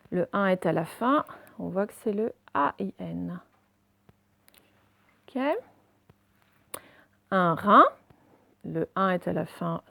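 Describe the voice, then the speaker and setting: A woman teacher giving a reading lesson to young children, spelling out letters slowly and checking in often. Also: fairly low pitch, gravelly, fairly bright tone, dry recording.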